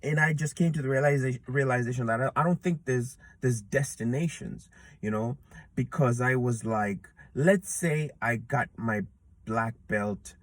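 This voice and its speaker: Outdoors in a public place, a man in his thirties who vlogs as a jiu-jitsu purple belt muses aloud in a reflective, casual way. He speaks a little slowly in a mid-range voice, rambling earnestly with many fillers and restarts, and there's no echo.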